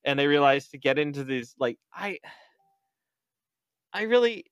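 A man hosting a podcast, casually recapping a book in an animated, joking way, cursing freely and acting out quoted lines. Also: on the high side, measured pace, clear, resonant tone, no echo, muffled recording. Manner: animated, profane, joking, with exaggerated quoted voices. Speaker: podcast host.

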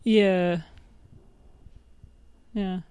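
A woman's voice: medium pitch, fairly even intonation, very slow, mellow, clean tone, no echo. A woman co-hosting a podcast, rambling and playful in casual chat. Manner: rambling, playful, laughs easily. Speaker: podcast co-host.

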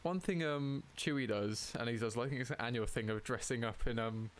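A man's voice: mid-range voice, fairly quick, background noise. A man hosting a casual chat, asking questions hesitantly with many fillers. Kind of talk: casual conversation.

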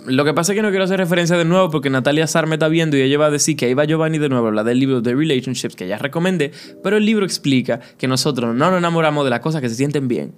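A man's voice: a little high, clear, resonant tone, faint music behind. A man, co-hosting a podcast in casual chat and acting out quoted voices as he talks. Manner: fast, animated, acts out quoted voices. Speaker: podcast co-host.

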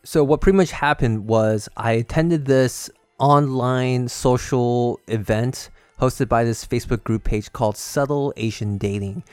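A man's voice: mid-range voice, smooth, dry recording. A man hosting a casual solo podcast, telling personal stories in a chatty, confiding way. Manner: calm, unhurried at first, growing more animated. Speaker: host of a series.

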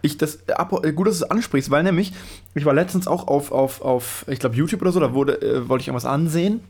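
A man's voice: on the high side, fast, a little mellow, husky. A young man, chatting casually as a podcast co-host and rambling with many restarts.

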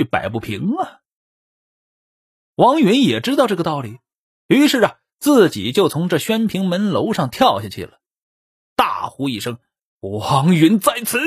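Male traditional storyteller, husky voice, animated, dry close recording. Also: on the high side, no room sound. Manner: animated, swinging between loud exclamations and quiet asides.

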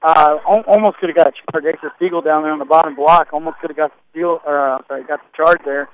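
Coach doing color on local radio, quick folksy talk, slightly raised voice, muffled lo-fi sound. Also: male voice, fairly high pitch, steady tone, smooth. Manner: chatty, folksy, analytical. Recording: dull lo-fi radio broadcast.

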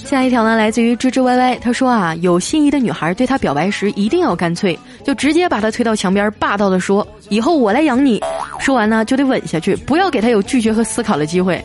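A woman's voice: on the high side, expressive, fast talker, few pauses. A woman hosting a show, reading listener jokes aloud in a playful, chatty way and laughing at the punchlines. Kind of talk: casual joke reading. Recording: music playing faintly under the voice.

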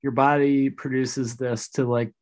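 A woman guest in a casual interview, explaining things thoughtfully, her voice a little rough after vocal surgery. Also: rumbling low, flat delivery, measured pace, a little mellow.

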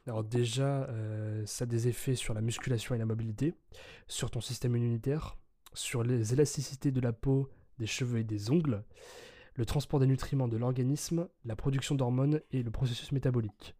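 A man's voice: mid-range voice, fairly even intonation, fairly quick, warm tone, dry recording, clean studio sound. A young man co-hosting a podcast in a casual chat, explaining things informally and correcting himself as he goes. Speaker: podcast co-host.

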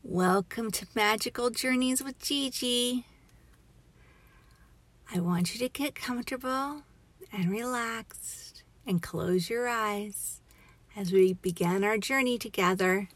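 A woman leading a guided relaxation meditation as a story, in a soothing, hushed, breathy voice that often nears a whisper. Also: on the high side. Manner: slow, soothing, hushed delivery.

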